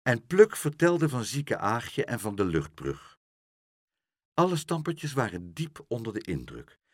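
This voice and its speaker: A man reading a children's storybook aloud in an expressive, lively manner. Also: medium pitch, unhurried, no echo, studio quality. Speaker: audiobook reader.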